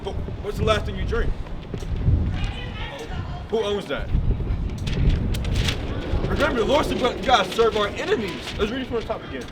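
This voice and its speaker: His voice sits high and animated, moving at a moderate pace with frequent pauses, as he preaches on a city street. He's emphatic and keeps questioning his listener, while loud traffic drowns a distant microphone.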